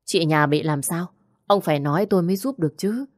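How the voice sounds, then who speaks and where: An old village healer, calm and firm, spoken in a low, even tone as a woman narrator puts him on. The sound is dry and close. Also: fairly quick, dry recording, lightly acted.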